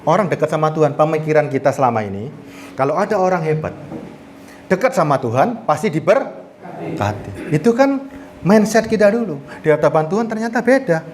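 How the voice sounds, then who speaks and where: A man's voice: fairly high pitch, expressive, fairly quick, a little mellow, slight background noise. A man preaching an interactive sermon, often asking the audience questions and rising to emphasis.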